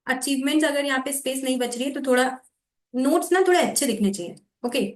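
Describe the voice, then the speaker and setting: A woman teaching exam preparation, explaining how to make notes and reading passages aloud slowly in a mix of Hindi and English. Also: high-pitched, expressive, echoey room. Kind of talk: explaining note-making while reading aloud.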